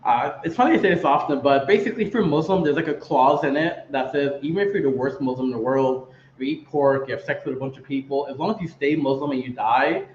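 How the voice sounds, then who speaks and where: A man in his thirties talks quickly and fluently as a podcast guest. His voice comes through an echoey room on dull, slightly muffled audio with faint background noise. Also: medium pitch, a little mellow. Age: 30s. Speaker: guest, crypto project founder. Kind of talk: casual podcast conversation.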